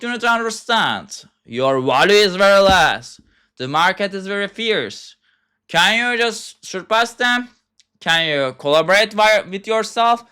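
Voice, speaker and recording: A young man with a Turkish accent delivers a heated, profane rant in broken English. His voice sits high and swings widely in pitch, with a bright, sharp edge. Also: clean tone. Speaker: self-styled philosopher. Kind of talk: ranting monologue.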